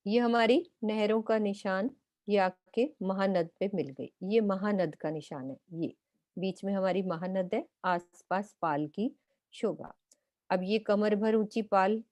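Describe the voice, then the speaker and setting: A woman speaks as a spiritual teacher, patient and methodical as she points out details one by one. Her voice is warm and mellow. The recording is close and dry. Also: mid-range voice, no room sound. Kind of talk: explanatory lesson.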